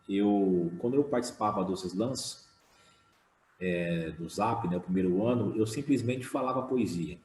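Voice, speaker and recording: A man and slam poet talking casually on an online panel, with many fillers and lively retellings. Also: low voice, measured pace, reverberant, poor audio. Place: home room.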